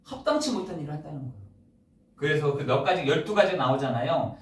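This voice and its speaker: A man's voice: a little high, expressive, quick pace. A male pastor preaching a sermon in a church, firing off rhetorical questions and stressing his points. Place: church sanctuary. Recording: echoey church, mic at a distance.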